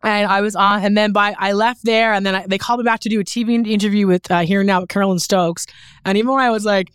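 In a casual studio interview, a woman from Newfoundland who works as a fashion photographer and creative director speaks candidly and with emphasis. Her Canadian-accented voice is medium in pitch, steady and clean, and she talks quickly. The recording is dry.

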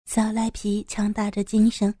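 A woman narrating a gritty action story in a steady, vivid, suspenseful reading style. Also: medium pitch, normal speed, no echo, studio quality. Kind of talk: dramatic audiobook narration.

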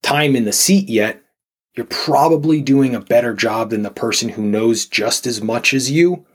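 A man's voice: mid-range voice, moderate pace, slightly rough. A man, a nutrition coach guest on a podcast, talking casually and rambling with lots of fillers and restarts.

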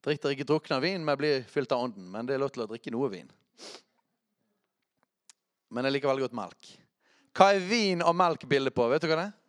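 A man preaching a charismatic sermon, chatty and self-correcting, who shouts out scripture. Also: medium pitch, long pauses.

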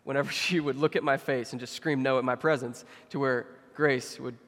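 A young man giving a sermon as a pastor, talking casually with many fillers and getting animated when he tells stories. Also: mid-range voice, a little fast. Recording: long hall reverb.

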